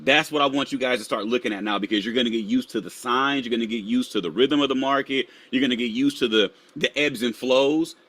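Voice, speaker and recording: This live-stream host talks quickly with hardly any pauses, his voice fairly bright as he casually runs viewers through market charts. He speaks to them while pulling charts up and, while looking for the next one, lowers his voice to mutter to himself.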